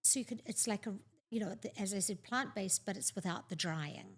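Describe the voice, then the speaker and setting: Middle-aged woman, from New Zealand, chatty co-host, animated storyteller, mid-pitched voice. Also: a little fast, husky. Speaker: podcast co-host. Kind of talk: casual chat.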